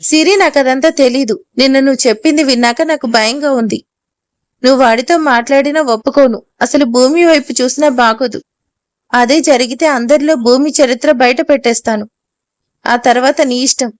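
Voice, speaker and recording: A woman's voice: high-pitched, normal speed, dry recording, clean studio sound, natural voice. A woman voicing an angry, domineering middle-aged mother in an audio story, speaking in a harsh, scolding way. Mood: threatening.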